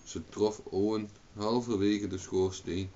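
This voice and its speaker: A man reading a folk tale aloud as a storyteller, lively and acting out the characters' lines. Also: lowish voice, slow. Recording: dull lo-fi recording.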